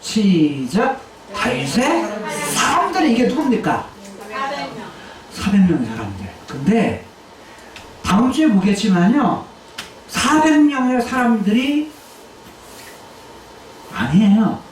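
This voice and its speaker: A woman preaching in a church with a high, lively voice that leaps up and falls away as she acts out quoted lines. She sounds a little far from the mic, and the room rings with echo behind a faint hiss. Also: slow pace, long pauses. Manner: animated preaching, acts out quoted lines with sudden shouts and drops. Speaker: pastor. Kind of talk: sermon. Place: church sanctuary. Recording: echoey church hall mic heard from a distance.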